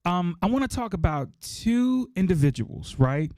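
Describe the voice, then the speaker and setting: A man's voice: high-pitched, big pitch swings, moderate pace, darkish tone, no room sound, studio quality. A middle-aged man hosting a podcast, talking casually and emphatically to listeners, repeating key points for effect. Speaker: podcast host.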